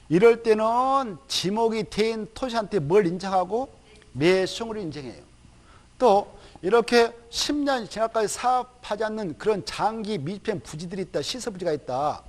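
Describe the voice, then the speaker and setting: High, lively male lecturer. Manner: lively, chatty, asks the class questions and answers them himself; acts out officials in quick quoted asides. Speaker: exam prep lecturer. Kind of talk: recorded online lecture.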